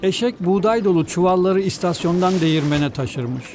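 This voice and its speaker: A man narrating a fairy tale in an expressive, measured storybook reading. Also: sits high, soft background music. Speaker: storybook reader.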